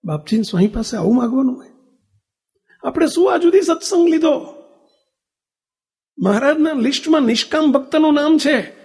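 A man's voice: extremely high pitch, lively intonation, moderate pace, pauses often, darkish tone, big-room sound. A man giving a sermon, telling a family story and putting questions to the listeners. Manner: acts out family dialogue, asks audience questions. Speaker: religious speaker.

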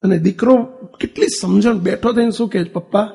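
High gravelly man preaching a story. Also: moderate pace, darkish tone, long reverb tail. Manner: acts out family dialogue, asks audience questions. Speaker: religious speaker. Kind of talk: sermon with storytelling.

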